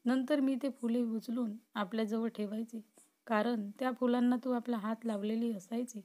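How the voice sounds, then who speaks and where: A woman's voice: fairly high pitch, steady tone, normal speed, dark tone, close to an everyday voice. A woman voicing an obsessive, possessive young man who swings between pleading and threatening in a storybook reading. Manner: pleading then threatening, intense.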